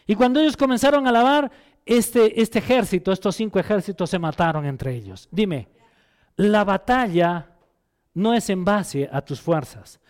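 A man preaching a sermon as pastor, asking the congregation questions and voicing quick quotes. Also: high voice, expressive, a little mellow.

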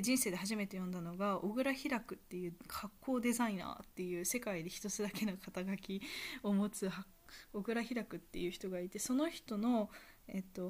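A young woman with a Kansai accent, talking casually on her own podcast in a soft, rambling way full of fillers. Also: medium pitch. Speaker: podcast host. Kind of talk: casual solo monologue.

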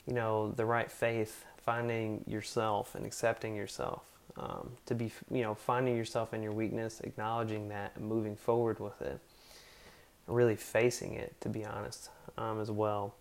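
A man's voice: fairly low pitch, flat delivery, moderate pace, creaky. A man hosting a casual faith podcast, talking in an earnest, rambling way with lots of fillers. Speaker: podcast host.

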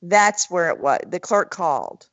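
A woman co-hosting a casual chat podcast, loud, blunt and joking. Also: fairly low pitch, expressive, unhurried, no echo, muffled recording. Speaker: podcast co-host.

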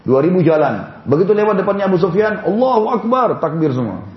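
Male religious teacher, chatty storyteller explaining at a board; slightly high voice, dull roomy recording. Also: big pitch swings, quick pace. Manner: casual, conversational storytelling with asides; explains while pointing to a board.

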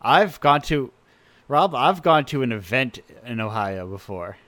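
A man's voice: medium pitch, sing-song, a little slow, fairly bright tone, no room sound. Rambling, enthusiastic radio host man. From United States. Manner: rambling, enthusiastic, frequent restarts. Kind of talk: casual chat.

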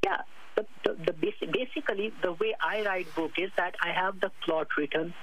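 High-pitched man with a Pakistani accent. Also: brisk, a bit bright, slight background noise, low-quality recording. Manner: self-promoting, repeats phrases, refers to himself in third person. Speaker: guest author. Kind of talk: promotional interview talk.

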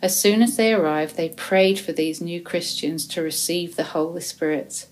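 Woman reading scripture in a low, measured voice. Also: poor audio. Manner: measured, even reading with small self-corrections. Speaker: scripture reader. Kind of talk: reading a Bible chapter aloud.

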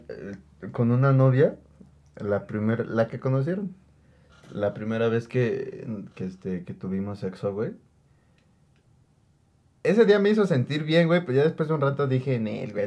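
A man's voice: medium pitch, moderate pace, long pauses, mellow. A young man with a Mexican Spanish accent, co-hosting a casual podcast chat. He tells stories animatedly, with crude slang and laughter. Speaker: podcast co-host.

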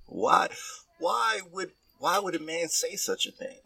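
A man's voice: high-pitched, expressive, measured pace, creaky, pushed and bright, husky, dry recording, far from the mic. A man hosting a casual podcast chat, asking teasing questions. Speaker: podcast host.

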